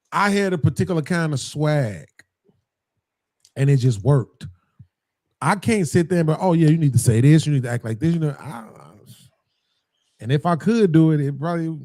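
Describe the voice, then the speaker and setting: Rambling cussing guy hosting a podcast, voice a bit high, dry close sound. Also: a little mellow, no room sound. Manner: profane, rambling, laughs often. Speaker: podcast host. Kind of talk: casual chat.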